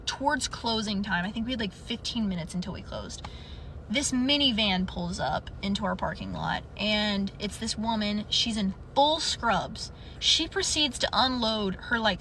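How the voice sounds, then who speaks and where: A young woman with a mid-range voice casually retells a story from her customer service job in a clip, animatedly acting out the people and their quotes. There's a little hiss or hum on the audio.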